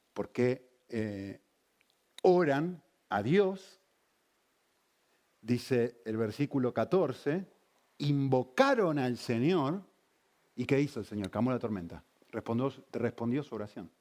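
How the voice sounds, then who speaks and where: A man's voice: mid-range voice, darkish tone. A man preaching a sermon, engaging the congregation with frequent questions. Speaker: pastor.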